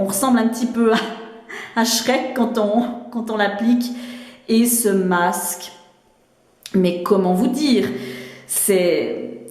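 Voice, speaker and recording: A woman's voice: medium pitch, darkish tone. A woman with a Swiss French accent chatting casually about her skincare masks, with lots of fillers and restarts. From Switzerland. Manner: chatty, many fillers and restarts, laughs often. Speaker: beauty vlogger. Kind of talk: casual product chat. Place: home bathroom. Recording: echoey room.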